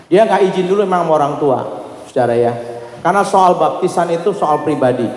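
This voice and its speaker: A man's voice: fairly high pitch, animated, fast talker, darkish tone. A male pastor with an Indonesian accent preaching a sermon, telling a story with acted-out dialogue and frequent asides to the congregation. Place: church hall. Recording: echoey church hall with long reverb.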